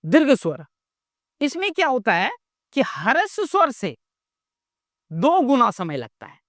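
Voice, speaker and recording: A woman's voice: high-pitched, wildly swooping pitch, measured pace, no echo, studio quality. A woman from India teaching a classroom grammar lesson. She asks questions and answers them herself, repeating each point as a drill.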